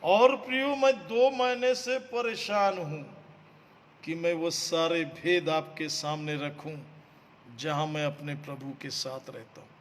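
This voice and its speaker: Male preacher, slow emphatic delivery, reverberant hall. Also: a little high, fairly even intonation, slight background noise. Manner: emphatic, repeats phrases, addresses listeners as beloved. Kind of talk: sermon.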